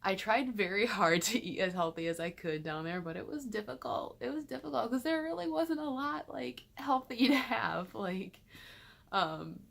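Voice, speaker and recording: A woman's voice: on the high side, animated, moderate pace, gravelly. A young woman from Michigan talking casually to her camera in a small bedroom, chatty and full of "like" fillers. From Michigan, USA. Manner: chatty, filler-heavy, frequent "like" and laughs. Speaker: vlogger. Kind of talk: casual vlog chat.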